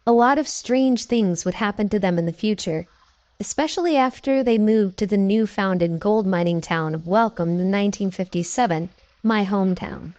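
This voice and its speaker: A woman narrating scary stories from a script, with steady, measured storytelling. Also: mid-range voice, dry recording, highs cut off.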